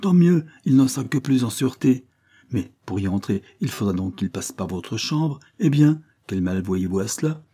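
A man's voice: medium pitch, expressive, moderate pace, mellow, slightly rough. A man reading aloud voices a brusque, stern old spinster who scolds curtly. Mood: stern scolding. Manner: curt and scolding.

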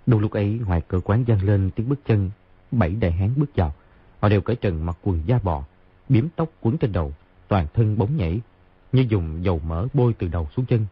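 A man narrating a martial-arts novel in an expressive, brisk storytelling way. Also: fairly low pitch, breathy edge. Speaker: audiobook narrator. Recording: tinny phone-like sound.

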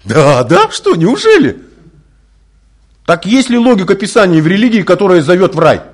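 In a high-pitched voice at a moderate pace, this man delivers a spiritual lecture in Russian, which isn't his native language. The recording is a religious talk, animated by vivid stories and many rhetorical questions.

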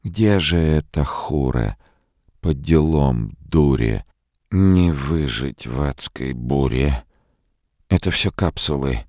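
A man with a very deep, gravelly voice reading the lines of a frightened, tearful young woman in an audiobook, raised well above his own pitch. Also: a little mellow, no room sound, studio quality, exaggerated voice. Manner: tearful, rambling, drugged near the end. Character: frightened young woman, fragile, near hysteria.

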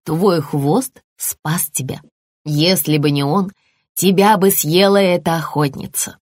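A woman voicing a caring mother lizard in a storybook, speaking low, slow and soothing. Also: steady tone, darkish tone, dry recording, clean studio sound.

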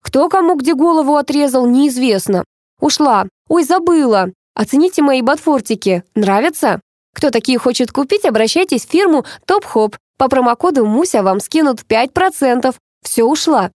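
A woman's voice: high voice, animated, moderate pace, darkish tone, no room sound, clean studio sound, voice pushed up. A woman reading an audiobook and voicing a showy, gushing female pop singer who coos and chatters breathlessly.

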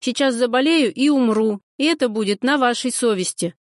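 Женщина-чтец озвучивает упрямую девушку, которая огрызается и возмущается. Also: female voice, a little high, normal speed, dry recording, clean studio sound, natural voice. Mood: defiant. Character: stubborn young woman, defiant and snappy.

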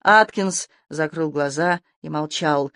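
An audiobook narrator reading a tense adventure story with steady, scripted delivery. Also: medium pitch, slow pace, dry recording, studio quality.

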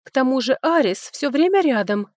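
A woman's voice: high-pitched, expressive, no echo, clean studio sound, pitched above the performer's own voice. A woman voicing a biting, sarcastic young noblewoman. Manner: mocking, biting, quick to snipe. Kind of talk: audiobook character voicing.

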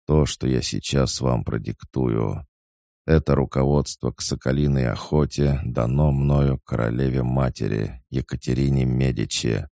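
A man's voice: a bass voice, fairly even intonation, unhurried, creaky, warm tone, no echo, clean studio sound, full character voice. A man reading an audiobook, voicing a stern, ailing male king who gives threatening commands.

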